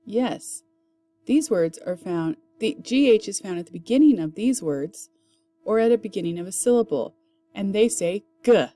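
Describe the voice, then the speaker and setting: A woman teaching phonics, leading a slow drill of word lists and enunciating each word carefully. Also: mid-range voice, lively intonation, warm tone, faint music behind.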